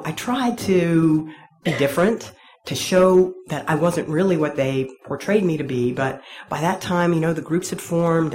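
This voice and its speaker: A woman's voice: deep voice, darkish tone. A woman telling an audience her own faith story in a candid, wry, self-deprecating way. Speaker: speaker sharing a personal faith story. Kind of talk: personal testimony told to an audience.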